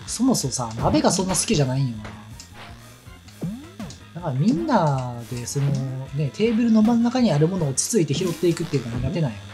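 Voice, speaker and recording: A man with a Kansai accent rattles on quickly in casual chat while playing a game. His talk is a rambling, chatty stream of stories. Game music plays clearly behind him. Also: fairly high pitch, sing-song. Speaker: let's play commentator. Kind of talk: casual chat over gameplay.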